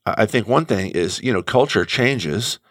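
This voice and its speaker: A man's voice: lowish voice, animated, moderate pace, a bit bright, no room sound, clean studio sound. A middle-aged man talking through ideas as a guest, thoughtful and searching, with frequent restarts. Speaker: guest commentator. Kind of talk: conversational radio talk.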